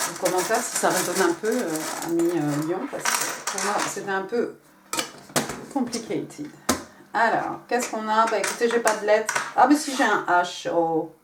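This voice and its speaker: A woman giving a casual tarot reading, chatty, stumbling over and repeating words and laughing at herself. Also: mid-range voice. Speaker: tarot reader. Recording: roomy, mic at a distance, faint noise.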